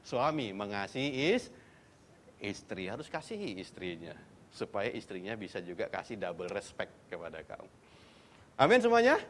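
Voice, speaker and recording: A man preaching a sermon at a church service, animated, acting out quoted speakers and rising into high, loud exhortation. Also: normal speed, a little hiss or hum. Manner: animated preaching, climbs to high-pitched loud exhortation, mixes English words; acts out imagined speakers in quoted lines. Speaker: pastor.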